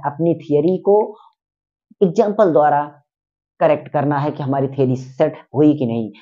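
A man with a mellow, slightly dark voice tutors maths, walking through each step and repeating himself as he writes. The recording is dull and lo-fi. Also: fairly high pitch. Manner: repetitive, step-by-step, writing as he talks. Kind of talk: casual explanatory lesson.

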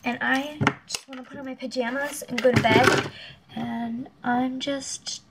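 Speaking at a measured pace in a steady, high voice, this teenage girl chats and rambles in a casual vlog from her small bedroom, occasionally whispering. Her nose is stuffy, heavy background noise runs underneath, and she's recorded on a webcam clipped to a desk lamp.

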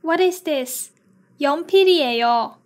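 A woman with a high-pitched voice slowly reads phrases and their translations, delivering the lesson extremely slowly and with even spacing.

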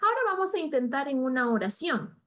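A woman teaching an English class over a video call, switching between Spanish and English and repeating words slowly for her student. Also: sits high, big pitch swings, a bit bright, dull audio. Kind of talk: online English lesson.

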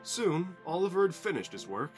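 A man narrating a children's train story in an expressive storybook reading. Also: sits high, moderate pace, faint music behind.

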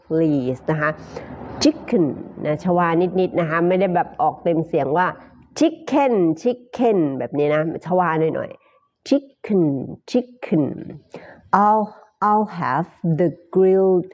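A Thai woman teaching English pronunciation in a live stream, drawing out model phrases slowly between quick explanations. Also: on the low side, lively intonation, lo-fi sound.

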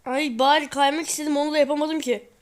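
A woman's voice: sits high, steady tone, fast talker. A sleepy woman hosting a football video game channel, chatting casually and rambling while she plays. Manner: chatty, rambling, repeats "neyse" often. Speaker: gaming channel host.

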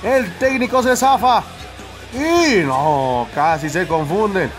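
An excitable Mexican man commentates on lucha libre in a very high-pitched voice. His play-by-play comes at a measured pace, full of exclamations, with music playing behind him. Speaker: wrestling commentator.

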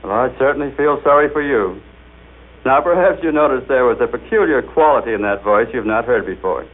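A man's voice: medium pitch, animated, brisk. An American man presenting a formal scripted demonstration with careful, showmanlike enunciation. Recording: tinny, band-limited 1930s radio recording.

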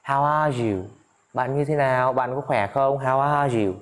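A Vietnamese-speaking man teaching an English lesson in a casual spoken style, repeating phrases slowly and often turning to his listeners. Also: mid-range voice.

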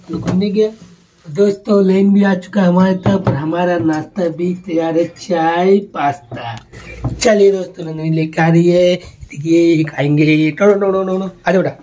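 A man's voice: high voice, mellow, a little hiss or hum. Chatty man vlogging at home on a phone. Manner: chatty, addresses viewers as friends, coos at a pet. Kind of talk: casual home vlog chat.

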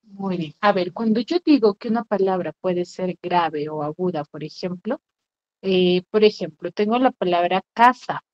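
A woman's voice: lowish voice, normal speed, a little mellow, dry recording. Patient woman teacher on a video call. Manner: patient, repeats questions to students. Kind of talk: online class teaching. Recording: dull lo-fi, dry.

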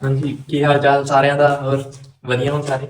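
A man's voice: mid-range voice, monotone, brisk, slight background noise. A man with a Punjabi accent co-hosting a casual home vlog, talking plainly and teasing a little. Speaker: vlog co-host.

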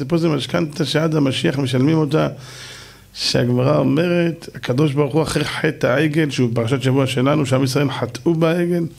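A rabbi delivers a sermon as lively spoken storytelling, with a dramatic, colloquial delivery. His voice sits a little high for a man. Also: gravelly. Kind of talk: sermon with acted stories.

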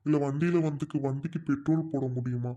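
A man's voice: a little high, fairly even intonation, quick pace, mellow, lo-fi sound, natural voice. A man voicing a poor, weary older fish seller and father in a cartoon, pleading patiently.

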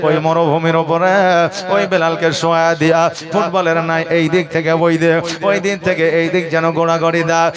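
A man preaching an Islamic sermon as dramatic storytelling, exhorting in drawn-out, half-chanted phrases. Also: fairly high pitch.

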